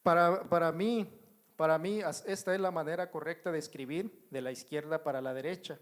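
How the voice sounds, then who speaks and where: A man's voice: fairly high pitch, fairly even intonation, fairly quick. A man with a Mexican Spanish accent teaching a Bible study in a church. He writes on a board as he explains, repeats himself, and keeps asking the congregation whether they follow. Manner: addresses the congregation as brothers, asks if they follow. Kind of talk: slow, repetitive Bible teaching.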